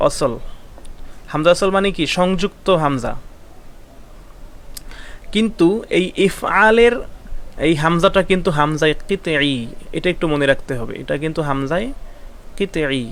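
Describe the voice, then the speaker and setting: A man's voice: sits high, gravelly, fairly bright tone. A man with a slightly raised voice teaches Arabic grammar in an online class. He explains patiently, repeats each key term and asks rhetorical questions before answering them. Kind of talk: online lesson.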